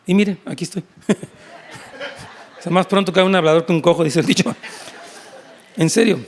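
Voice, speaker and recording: A man preaching a sermon. He is animated, acts out quoted voices in shifting tones, and speaks directly to the congregation. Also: high voice, moderate pace. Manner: addresses congregation directly and often. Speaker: pastor. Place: church service.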